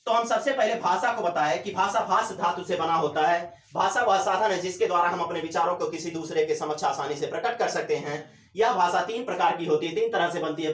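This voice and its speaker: A male teacher giving a classroom lecture, asking questions and answering them himself, drawing out words slowly to demonstrate. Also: a little high, distant mic. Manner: drawls syllables slowly to demonstrate. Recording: echoey room.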